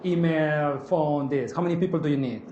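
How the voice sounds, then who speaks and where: Brief: male seminar leader with a Peruvian Spanish accent, lively and engaging, slightly high voice, echoey room with faint noise. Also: moderate pace, dull audio. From Peru. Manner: animated, asks the room, often tags "correct?". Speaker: workshop leader. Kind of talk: interactive seminar teaching.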